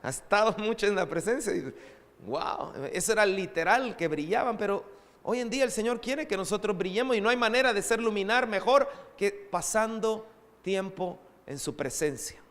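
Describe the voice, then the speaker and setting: A man preaching a sermon as pastor, lively and conversational, with asides to the congregation. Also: sits high, moderate pace, long reverb tail.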